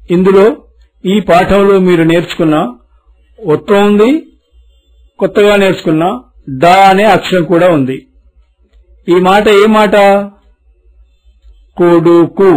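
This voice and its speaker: A man teaching a beginners' reading lesson, spelling words syllable by syllable and stretching them out slowly. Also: high-pitched, poor audio.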